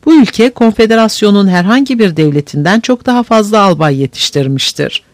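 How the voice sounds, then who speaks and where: A man's voice: high-pitched, expressive, a little fast, dry recording. A man doing an indignant young farmhand. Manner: grave, indignant. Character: earnest young farmhand, bitter and blunt.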